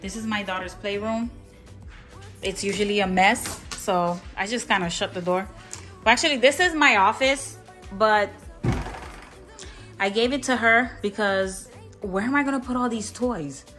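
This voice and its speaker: A home vlogger casually shows off her large, bright home and her purchases, moving through the kitchen and playroom with a handheld phone camera in a clean-with-me narration. Her mid-range, slightly bright voice rambles and corrects itself at a measured pace with long pauses. The room is echoey, with soft music in the background.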